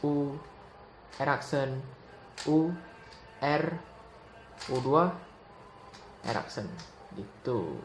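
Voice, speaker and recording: Slow, relaxed young man teaching in an echoey room. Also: mid-range voice. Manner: relaxed, slow, calls out move notation. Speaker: Rubik's cube tutor. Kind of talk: casual step-by-step tutorial. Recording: echoey room with audible noise.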